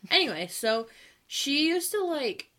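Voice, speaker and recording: A young woman co-hosting a podcast, telling stories in casual chat, animated and full of likes. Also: high voice, measured pace. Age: young adult. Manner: animated storytelling, many likes, laughs while talking. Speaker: podcast co-host.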